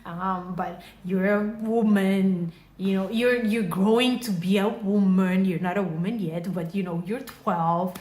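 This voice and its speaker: A woman voicing her mother, calm and reassuring, explaining things in a lowered, soothing tone. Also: unhurried, hardly any pauses, roomy sound, lightly acted.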